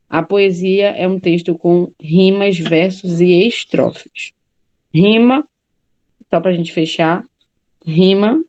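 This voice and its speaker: A woman's voice: on the low side, mellow, highs cut off. A woman teacher giving a classroom lecture, explaining step by step and often checking in with her students.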